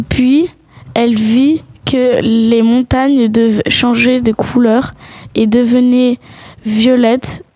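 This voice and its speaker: A woman's voice: on the high side, a little mellow, no echo. A woman telling a children's animal tale as a storybook narrator.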